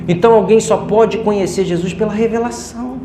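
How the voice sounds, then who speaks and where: A man's voice: sits high, steady tone, fairly quick, noisy background. A man preaching a sermon as pastor, joking and talking colloquially. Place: church hall. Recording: echoey church room with faint music.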